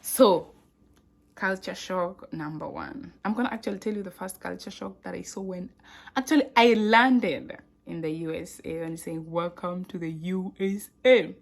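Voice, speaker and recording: A young Kenyan woman talks straight to her viewers in a casual vlog. Her Kenyan accent is clear, and she keeps the delivery animated, exclaiming and laughing as she chats. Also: lowish voice, moderate pace. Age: young adult. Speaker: vlogger. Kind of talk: casual vlog talk to camera.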